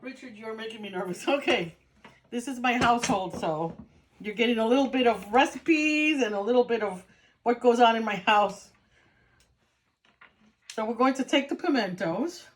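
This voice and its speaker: A woman's voice: on the high side, moderate pace, long pauses, slight background noise, rough recording. A woman with a Cuban accent giving a casual home cooking demonstration in her kitchen. She talks viewers through each step and jokes with the person filming. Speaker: home cook demonstrating a recipe.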